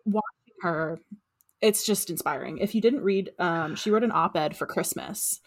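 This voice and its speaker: A woman co-hosting a casual podcast, speaking in a measured, thoughtful way with frequent ums. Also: on the low side. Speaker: podcast co-host. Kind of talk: casual chat.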